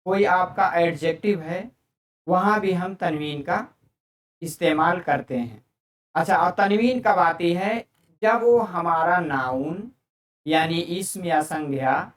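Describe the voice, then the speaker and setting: A man teaches Arabic grammar in an online lesson, explaining patiently and giving each term in several languages. His voice is high-pitched, and he's recorded from a distance, away from the mic in an echoey room.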